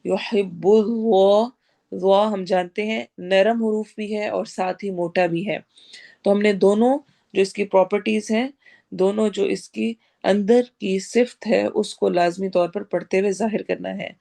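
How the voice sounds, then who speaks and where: A woman's voice: mid-range voice, steady tone, vocal fry, dark tone. A woman teaching recitation in an online class, in a firm, corrective teacher's tone. She breaks each phrase into syllables and explains every rule in turn, carefully and methodically.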